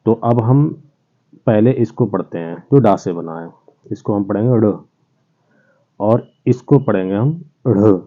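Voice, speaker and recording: A male teacher giving an online lesson to children, slowly and patiently sounding out each letter. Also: on the low side, animated, warm tone. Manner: slow, patient, spells out sounds one by one. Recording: tinny phone-like sound.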